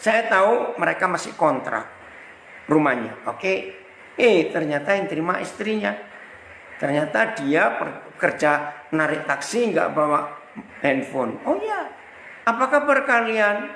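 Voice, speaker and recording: A high-pitched, gravelly male pastor from Indonesia tells stories in his sermon and acts out each character's lines. His voice rises and falls across a wide range, and it echoes through a hall with a faint murmur of ambience. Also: a little slow, a little hiss or hum. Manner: animated storyteller, acts out dialogue. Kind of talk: storytelling sermon.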